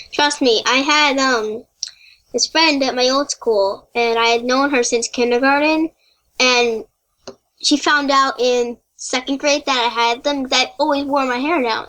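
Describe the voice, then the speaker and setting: A ten-year-old girl talking as a podcast guest, telling stories in a chatty way with many "like" fillers and quoting other kids in lively voices. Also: on the high side, poor audio. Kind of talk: casual chat.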